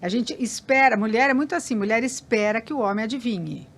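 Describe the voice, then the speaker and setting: An older woman, a guest in an interview, telling stories in a relaxed way and acting out bits of dialogue. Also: on the high side, brisk. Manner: animated storyteller, acts out dialogue. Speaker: guest, family counselor.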